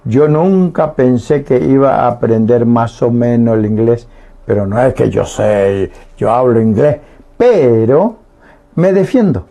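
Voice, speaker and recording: A man's voice: medium pitch, expressive, a little slow, mellow. A man teaching a Guarani language lesson on the radio, patiently explaining and often checking that listeners understand. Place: radio studio.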